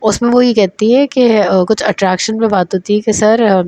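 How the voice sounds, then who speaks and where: A woman's voice: medium pitch, steady tone, warm tone, no echo. A woman casually recapping drama episodes as a reviewer, chatty and hesitant with many fillers.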